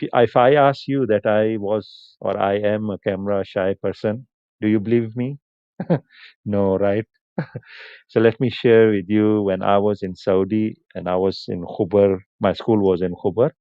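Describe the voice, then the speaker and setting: In a relaxed live stream chat, a man who first spoke Punjabi takes viewers' comments in stride, laughing a lot and never rushing. His voice is low, clear, and smooth. There's no room sound, and the audio is dry and faintly muffled.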